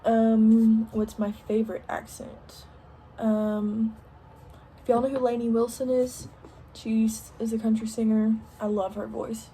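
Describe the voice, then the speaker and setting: A young woman with a soft Southern country accent chats through a get-to-know-me Q&A while doing her makeup at home. Her voice sits at a mellow, warm tone, picked up on a camera mic with a faint hiss of room ambience behind her. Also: fairly high pitch, flat delivery, a little slow. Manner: chatty, many ums and likes. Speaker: vlogger. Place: home, indoors.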